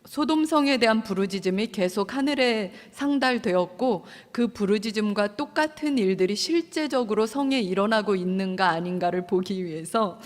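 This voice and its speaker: Woman preaching in an echoing hall. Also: medium pitch. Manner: conversational, amused, retells the story with quoted lines. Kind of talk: sermon. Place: church service hall.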